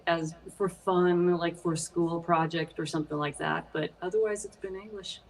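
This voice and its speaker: With a fairly low pitch, fairly even intonation and moderate pace, a woman from Sweden talks casually as a musician guest in an interview. Her Swedish accent is faint, she uses many hesitant fillers, and she's positioned a little far from the microphone.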